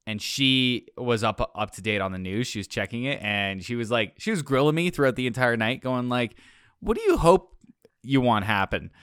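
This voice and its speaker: A man co-hosting a podcast, recounting events in an animated, storytelling way with quoted asides. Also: medium pitch, a little fast, few pauses, clear, resonant tone, dry recording, clean studio sound. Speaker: podcast co-host. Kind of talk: casual chat.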